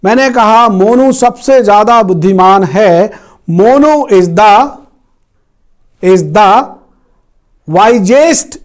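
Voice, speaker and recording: A man teaching English grammar in Hindi, repeating each example word slowly for learners. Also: sits high. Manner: slow, repeats words for learners. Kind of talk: Hindi-language grammar lesson.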